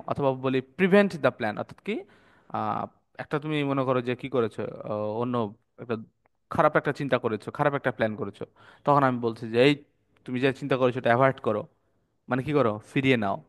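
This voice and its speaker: A man's voice: medium pitch, a bit bright. A man teaching English vocabulary in an online lecture, spelling words out letter by letter and quizzing his students as he goes. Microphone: online session, computer mic.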